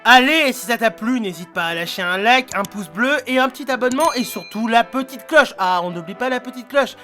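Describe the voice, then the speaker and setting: A man's voice: extremely high pitch, animated, fairly quick, pushed and bright, faint music behind. Casual man giving a channel outro. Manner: casual, friendly appeals to the viewer. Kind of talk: scripted outro plug.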